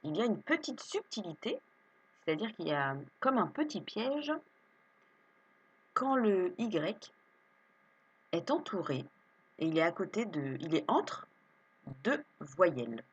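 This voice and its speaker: Woman teacher sounding out syllables real slow for little kids, lower voice, goes up and down a lot, bit husky, faint hum behind. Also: big pitch swings, muffled recording. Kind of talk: reading lesson for young children.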